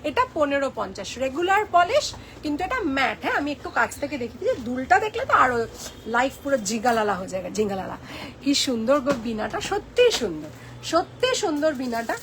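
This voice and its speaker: Woman, high voice, live-stream sales chat, playful and teasing, code-switching to English. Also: sing-song, a little fast, a bit bright, slight background noise.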